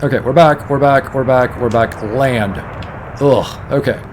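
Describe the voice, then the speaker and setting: Over a noisy background, a tired-sounding man from Toronto speaks unhurriedly in a mid-range voice with a Canadian accent. He's streaming a game in casual let's-play chat, musing aloud and correcting himself as he goes.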